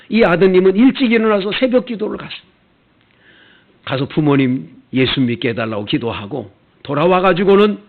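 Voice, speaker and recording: A middle-aged male pastor preaches in a fairly high, very lively voice with a gravelly edge. He tells a story in his sermon and voices the people in it. The sound is thin and tinny, like a phone line. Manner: storytelling with acted quotes.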